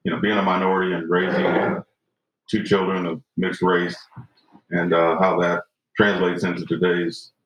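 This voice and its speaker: His low voice barely moves in pitch, and he talks at a moderate pace over a noisy background. He's a man in his fifties guesting on a podcast, earnest and reflective, frequently adding "you know" and "right?". The sound is roomy and lo-fi.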